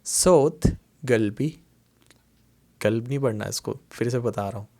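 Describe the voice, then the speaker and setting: A man teaching Arabic words, explaining patiently in a slow lesson style and repeating each word. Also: mid-range voice, creaky, mellow. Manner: repeats words slowly, many fillers and "theek hai".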